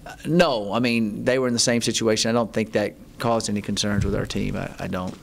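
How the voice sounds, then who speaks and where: Halting low-voiced coach with gravelly tone. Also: male voice, steady tone. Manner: halting, many ums and restarts, plain-spoken. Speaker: head football coach. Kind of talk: postgame press conference answers. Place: press conference room, seated at table. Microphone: table mic in front.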